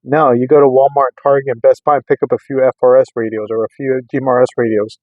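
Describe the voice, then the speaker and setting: Speaking quickly in a mid-range voice with little pitch movement, a middle-aged man who vlogs about radios rambles to camera during a road test in his vehicle. He keeps looping back to restate points in this casual product test. The recording is dry, narrow and tinny.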